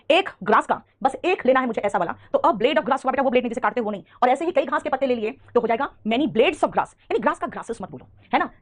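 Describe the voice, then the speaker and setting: A woman with an Indian accent teaching an English grammar class, addressing her students affectionately and correcting them as she goes. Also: high-pitched. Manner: fast, scolding-affectionate, calls students "beta".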